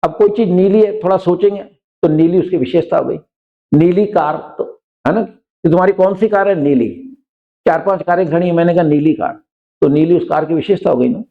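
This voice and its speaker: A man's voice: high-pitched, brisk, gravelly. A male English teacher with an Indian accent, explaining vocabulary patiently and repeating his words. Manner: explains patiently, repeats words and often says "theek hai". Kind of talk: classroom vocabulary lesson. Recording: dull lo-fi sound.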